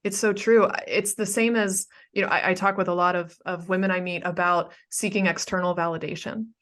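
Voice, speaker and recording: A woman's voice: lowish voice, steady tone, a little fast, a bit bright. A woman hosting a coaching podcast, affirming and enthusiastic as she responds to her guest. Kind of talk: casual podcast conversation.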